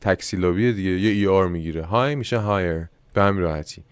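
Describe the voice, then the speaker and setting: A man teaching English online with a fairly low voice. He explains the grammar in Persian and reads each English example slowly and carefully, close to the mic in a dry room with no echo. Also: clean tone. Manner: self-mocking aside.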